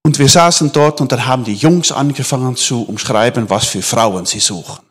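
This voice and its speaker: Preaching to a congregation, a man speaks with animation, alternating loud, emphatic lines with soft near-whispers. His mid-range voice is slightly rough and moves at a normal speed.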